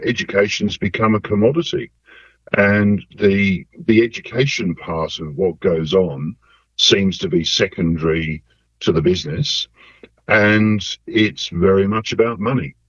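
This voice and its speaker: A man, a university lecturer, answering interview questions in an electronically altered, disguised deep voice, measured and hesitant with fillers. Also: breathy edge, dry recording. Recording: dull, lo-fi voice-altered audio.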